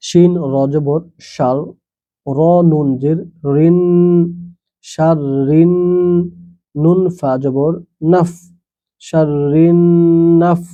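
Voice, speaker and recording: A man's voice: a little high, steady tone, extremely slow, pauses often, warm tone, dull audio. A man teaching Quran reading who spells out each letter and vowel mark, then blends the syllables, with plain explanatory asides between the drills.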